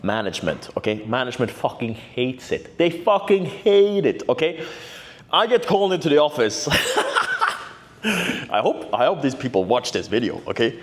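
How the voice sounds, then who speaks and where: A man's voice: medium pitch, wildly swooping pitch, moderate pace, fairly bright tone. A young man with a mid-range voice tells a story straight to camera. He is brash and boastful and swears freely, leaning on "right?" to keep the listener with him. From Norway. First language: Norwegian. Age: 20s. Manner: brash, boastful and profane, full of "right?" tags. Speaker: vlogger. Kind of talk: casual storytelling vlog.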